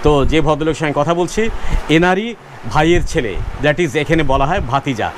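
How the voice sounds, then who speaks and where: A man hosting a walking street vlog in an outdoor city market, chatting with shopkeepers and speaking straight to his viewers in a lively way. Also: a little high, moderate pace, a little hiss or hum. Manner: lively, keeps addressing the audience directly. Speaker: street vlogger host.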